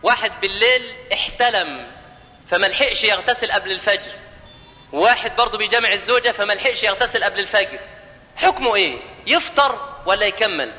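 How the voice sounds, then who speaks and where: A man with an Egyptian accent preaches in a very high, sharp, bright voice. He jokes and keeps putting questions to the congregation, and he breaks into chanted scripture. His voice rings with a long reverb, as if in a large hall. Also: lively intonation, a little fast. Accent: Egyptian Arabic. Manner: jokey, asks the audience questions, chants scripture. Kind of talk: lively colloquial sermon.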